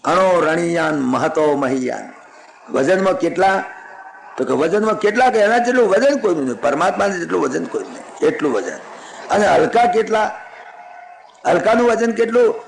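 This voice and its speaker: A man giving a devotional sermon, telling a scripture story in a lively, folksy way with chuckling asides. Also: high-pitched, moderate pace, creaky, roomy sound, rough recording.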